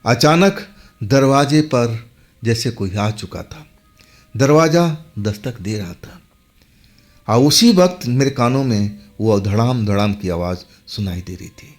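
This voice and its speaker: A man's voice: medium pitch, very animated, slow pace. A man telling a first-person horror story in a dramatic, emphatic way, with sudden jumps in his voice.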